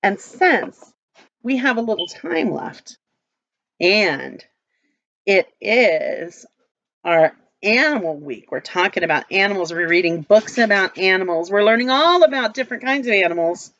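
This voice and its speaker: Woman talking to toddlers, lively swooping pitch. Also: unhurried, no room sound, muffled recording. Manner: speaks as if to toddlers, simple repeated phrases and questions. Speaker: early childhood teacher leading circle time. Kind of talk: reading and singing along to young children.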